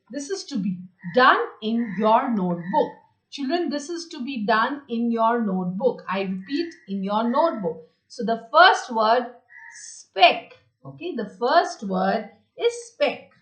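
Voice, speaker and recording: A woman's voice: fairly high pitch, a bit bright, low-quality recording. A woman school teacher with an Indian English accent, giving a recorded online lesson and repeating her instructions. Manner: slow, repeats instructions, stresses key words. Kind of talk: recorded online class lecture.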